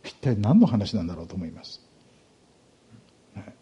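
A man preaching a sermon, explaining a Bible passage in a measured, explanatory way with rhetorical questions to his listeners. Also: lowish voice, very animated, dark tone, slightly rough, muffled recording. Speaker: pastor.

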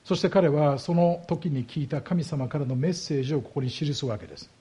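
A man preaches from the pulpit, interpreting scripture and asking rhetorical questions of the congregation. His tone is warm and husky, pitched on the high side, and he slows sharply on the words that matter.

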